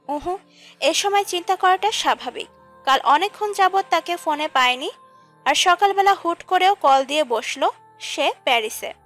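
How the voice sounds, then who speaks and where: A woman reads scripted narration for a romantic audio story, with background music playing beneath her. Her voice is very high-pitched and a bit bright.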